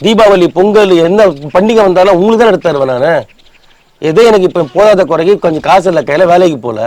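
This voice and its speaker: A man's voice: high-pitched, fast talker, a little mellow, no room sound. A man, sulking and complaining in a scripted comedy sketch as a husband. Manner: sulky, whiny complaining.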